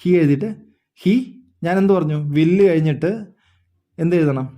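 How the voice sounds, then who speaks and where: Guy teaching english grammar, slightly high mellow voice, repeats stuff a lot. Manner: explains slowly, repeats words, asks "understood?". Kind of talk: spoken English lesson.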